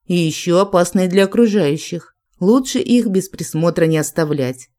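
A reader voicing a cautious young male inquisitor with a wry manner, in a calm, steady audiobook reading. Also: sits high, moderate pace, lightly acted.

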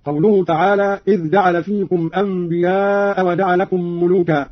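A man's voice: sits high, fairly even intonation, moderate pace, dry recording. Man formally explaining recitation rules. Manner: formal, didactic, quotes verses then explains. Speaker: radio presenter explaining recitation variants. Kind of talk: scripted explanatory narration. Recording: dull lo-fi radio archive recording.

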